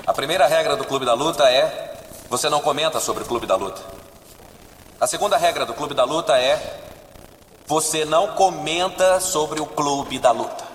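An actor playing a grim male fight club leader who lays out the rules in a solemn, measured way. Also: a little high, a bit bright, slight background noise, natural voice. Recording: echoey hall, distant, faint ambience.

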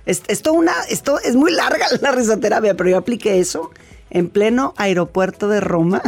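A woman's voice: mid-range voice, lively intonation, brisk, darkish tone, soft background music. Chatty Mexican woman telling her story. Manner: chatty and storytelling, with frequent restarts. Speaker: laughter therapy expert guest. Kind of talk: conversational interview.

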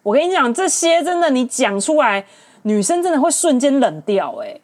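A woman in her late twenties with a Taiwanese Mandarin accent, hosting a casual dating-advice monologue in an animated, exasperated, ranting manner. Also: high voice, moderate pace. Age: late 20s. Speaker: podcast host.

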